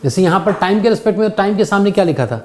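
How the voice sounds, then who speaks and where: Male physics teacher, warm and mellow, lecturing a classroom with frequent questions to students. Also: high voice, lively intonation, very fast. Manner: patient, keeps quizzing students.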